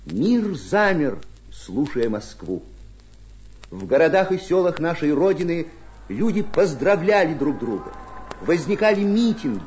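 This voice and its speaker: A man's voice: a little high, sing-song, a little slow, darkish tone, muffled recording, a little hiss or hum. A man delivering dramatic scripted narration for a documentary.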